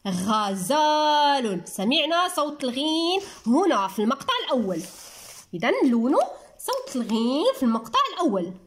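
High lively Moroccan woman teacher. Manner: sounds out words slowly, syllable by syllable; patient, talks to children as little ones. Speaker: primary school teacher. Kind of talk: reading lesson for young children.

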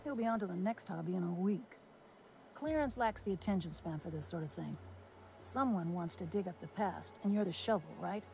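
An actress playing a bitter, sarcastic former testing supervisor in a video game, with a dry, world-weary delivery. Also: female voice, on the low side, a little fast, creaky, darkish tone. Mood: sardonic. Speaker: game character.

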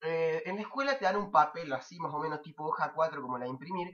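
A man's voice: fairly high pitch, quick pace, a bit bright. A young man with an Argentine accent telling a casual anecdote in a profane, exasperated rant. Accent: Argentine Spanish. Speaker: vlogger. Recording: dull lo-fi, distant mic.

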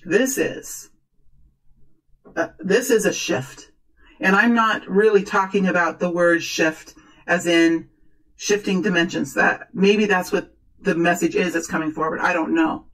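A woman speaking as a fortune teller, improvising a tarot reading in earnest, halting, repeated short phrases. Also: lowish voice, rough recording. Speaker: tarot reader, host.

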